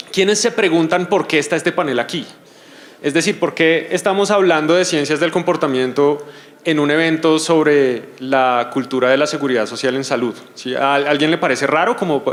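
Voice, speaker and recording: A man opening a forum panel for an audience, speaking hesitantly with many fillers and putting questions to the room. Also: on the high side. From Colombia. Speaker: panel moderator.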